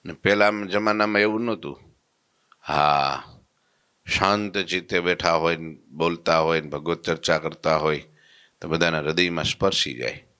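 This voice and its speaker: A man giving a storytelling sermon in a folksy, animated way, slipping into voices for his characters. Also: low-pitched, normal speed, clear, resonant tone. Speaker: preacher giving a religious discourse.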